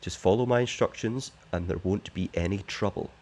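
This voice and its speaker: A man's voice: low voice, a little fast, a little mellow. A man voicing a shady smuggler boss who offers a secret job, read plainly from the game text.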